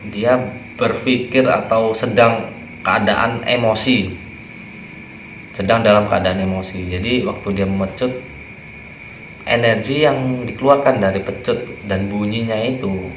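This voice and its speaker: A man, speaking as a spiritual teacher in a relaxed, rambling way, trailing off softly at the ends of phrases. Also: lowish voice. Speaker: spiritual teacher explaining rituals. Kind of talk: casual explanatory talk. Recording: echoey room with faint ambient noise.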